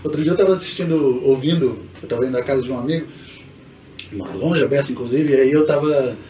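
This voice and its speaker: A man co-hosting a casual podcast, explaining things in a relaxed way and laughing often. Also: mid-range voice, quick pace. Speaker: podcast co-host. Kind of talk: casual chat. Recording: echoey room, distant mic, dull sound, faint noise.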